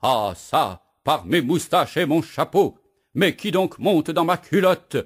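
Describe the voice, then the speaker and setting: A man voicing a big, blustering male woodcutter with a mustache, shouting indignant outbursts in a children's storybook reading. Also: on the low side, takes it slowly.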